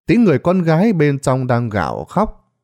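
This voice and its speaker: A man's voice: a little high, wildly swooping pitch, normal speed, dark tone. Man narrating a ghost story dramatically. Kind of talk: scripted narration.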